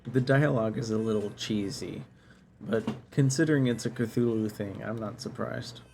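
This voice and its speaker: A man's voice: on the low side, moderate pace, gravelly, a little mellow, slight background noise. A man giving casual game commentary, musing and thinking aloud as he plays. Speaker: gamer, let's play host.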